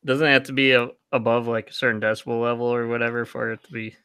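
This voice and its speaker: A man's voice: medium pitch, flat delivery, fast, sharp tone, clear, resonant tone. A man co-hosting a tech podcast, talking casually and hesitantly, full of "like" and "you know". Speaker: podcast co-host.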